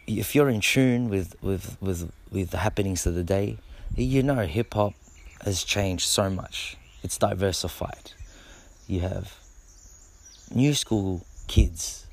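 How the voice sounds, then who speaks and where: Against slight background noise, a middle-aged breakdancer delivers a relaxed, rambling monologue to camera in a low voice with vocal fry. He swears freely and tends to repeat words.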